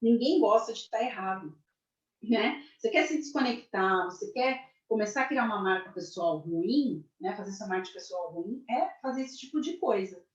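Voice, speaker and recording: A woman's voice: mid-range voice, animated, moderate pace. A woman with a Brazilian accent, a career mentor giving a corporate training talk, speaking to the audience directly and acting out example phrases. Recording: echoey, dull lo-fi sound.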